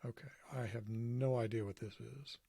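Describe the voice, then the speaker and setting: A man talks through a screen demo in an offhand, self-deprecating way, thinking aloud as he goes. His voice is dark and gravelly. The sound is dry and close, with no room echo. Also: mid-range voice, fairly even intonation, normal speed. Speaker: podcast host demonstrating software. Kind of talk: screen-recorded tutorial walkthrough.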